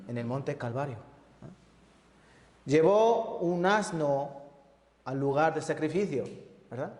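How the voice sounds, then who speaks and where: A man teaching a Bible sermon as an evangelist in a church frequently questions the congregation and checks in with tag questions. His voice is fairly high and a little mellow, and the church hall sounds echoey.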